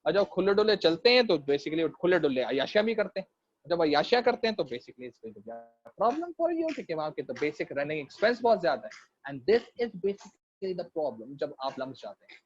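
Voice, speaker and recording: A high-voiced man from Pakistan with a Karachi Urdu accent gives an online class lecture. He jokes, mixes English into his Urdu, and keeps tagging fillers onto his sentences. The audio is dull and lo-fi. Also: very animated, normal speed. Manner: repeats fillers. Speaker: teacher.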